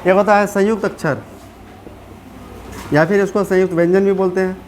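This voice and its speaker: A woman's voice: mid-range voice, steady tone, normal speed, darkish tone, slight background noise. A woman teacher with a Bihari Hindi accent, giving a classroom grammar lesson and often asking the pupils questions to check they follow.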